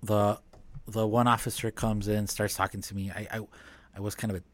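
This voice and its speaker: A man who owns a business, speaking as a guest in a casual podcast conversation and talking in a relaxed, halting way. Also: fairly low pitch. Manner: relaxed, halting with many restarts and fillers.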